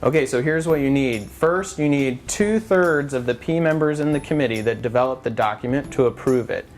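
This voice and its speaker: A man's voice: medium pitch, fairly quick, soft background music. A man presenting an explainer in a patient, conversational teaching manner. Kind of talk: semi-scripted explanatory dialogue.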